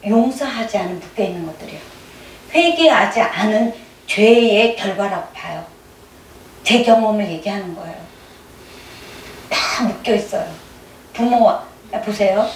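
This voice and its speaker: A middle-aged woman giving a conversational testimony sermon in a church hall, often pressing her listeners with quick questions. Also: medium pitch, a little hiss or hum. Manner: keeps prodding the audience with quick questions. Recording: echoey room, mic at a distance.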